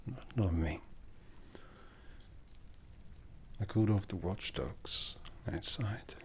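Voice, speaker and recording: Sorin Markov, a man playing a low, hushed ancient vampire lord. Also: slight background noise. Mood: commanding, persuasive. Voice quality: breathy, hushed. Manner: deliberate, solemn, intimate. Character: ancient vampire lord, brooding, commanding, softly menacing, courtly. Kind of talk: ASMR roleplay, soft speech slipping into whispers.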